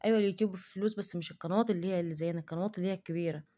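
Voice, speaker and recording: A woman cooking vlogger with an Egyptian Arabic accent talks to camera in a casual cooking vlog, defending herself in an indignant rant. Her voice is lowish and dark, her tone steady and her delivery rapid-fire.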